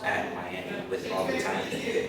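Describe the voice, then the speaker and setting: Low, flat-voiced man, roomy and far. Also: normal speed. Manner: laid-back, repeats "you feel me". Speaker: guest, creative director. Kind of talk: casual interview chat. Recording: roomy, distant mic, loud crowd behind.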